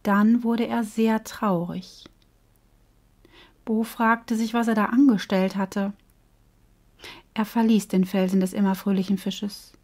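A woman coach reading a children's story aloud in a calm, measured narrating voice. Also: mid-range voice.

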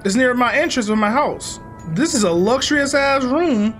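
A young American man with a slight speech impediment hosts a game playthrough in an indoor green-screen room, rambling casually and playfully poking fun at himself. His voice is very high, animated, and a bit bright, at a moderate pace. Faint music plays behind him.

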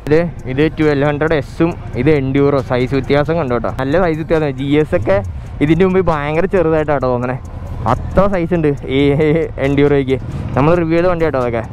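A man's voice: a little high, brisk, rough recording. A Malayali man chatting casually as a motorcycle vlogger, switching between Malayalam and English words and phrases. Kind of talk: casual vlog chat. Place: outdoors at a roadside and riding a motorbike. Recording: loud outdoor traffic and engine noise.

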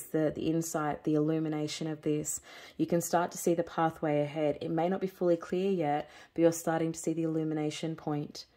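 A woman giving a spiritual tarot reading, talking in slow, soothing, repetitive phrases. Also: low voice, dark tone. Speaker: tarot reader.

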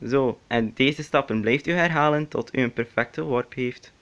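A man playing the instructor in a spoof tutorial, giving commands in a put-on flat robot voice. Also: medium pitch, normal speed, highs cut off.

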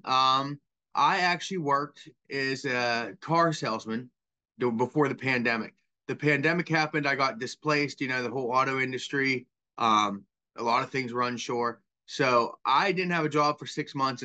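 A man's voice: mid-range voice, moderate pace, sharp tone. A man in his thirties, a guest on a video call interview, telling his story in a candid, self-deprecating way from a small room. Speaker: guest, property cleanout worker. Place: small room indoors with bookshelf.

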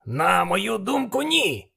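A man's voice: high-pitched, huge pitch swings, creaky, pushed and bright, husky, pitched above the performer's own voice, full character voice. A man doing a grumbling, cautious devil. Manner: grumbling, measured. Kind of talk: audiobook character voice.

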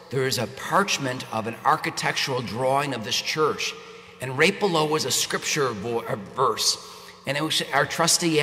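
A priest at Mass reads the gospel and preaches in a large church, his bright, ringing voice sitting a little high. Each phrase trails off into a long cathedral echo. He proclaims with measured weight, then eases into plain, conversational preaching. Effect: cathedral echo with long reverb. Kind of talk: gospel reading and homily at Mass. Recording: echoey church with long reverb.

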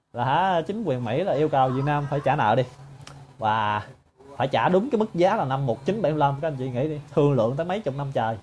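A man's voice: on the high side, a little mellow, a little hiss or hum. A man giving a sarcastic, mocking monologue to his viewers. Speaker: political commentator.

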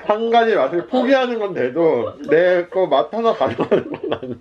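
A man's voice: high-pitched, very animated, normal speed, muffled recording. A man chatting casually and teasing his companion with playful banter while chewing food between words. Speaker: vlog co-host. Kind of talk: casual mealtime chat. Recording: loud crowd chatter behind. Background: loud crowd chatter.

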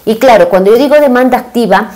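A woman's voice: a little high, quick pace, darkish tone. A woman, giving a marketing webinar over a video call, explaining with fillers and rhetorical questions. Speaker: business and marketing consultant. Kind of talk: webinar presentation. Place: indoor room, small webcam inset.

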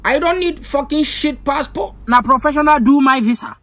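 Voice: high-pitched, moderate pace. An actor playing a brash, gullible older Nigerian mama in a comedy skit, speaking pompous mangled English with put-on airs and a Nigerian accent. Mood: defiant. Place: inside a parked car. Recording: noisy car interior recording.

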